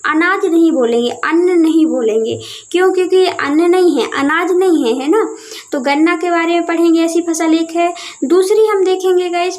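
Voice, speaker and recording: Woman teacher, high voice, talks viewers through a map, answers her own questions. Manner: asks questions and answers them herself; keeps addressing viewers as guys. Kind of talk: explaining a lesson over a map.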